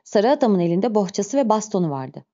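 A woman narrating an audiobook in a steady, measured way. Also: mid-range voice. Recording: dull lo-fi recording.

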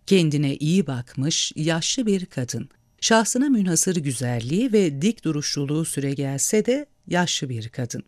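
A male narrator reads a story aloud in a measured, expressive way. His pitch sits a bit high and moves with lively swings. The sound is dry and close to the mic. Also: dry recording.

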